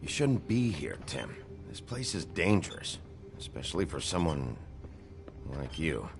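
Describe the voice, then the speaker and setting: An American actor playing a gruff, world-weary fairy-tale sheriff in a video game, gravelly and terse in his delivery. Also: rumbling low, very animated, a little slow, exaggerated voice. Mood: stern, concerned. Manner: terse, blunt.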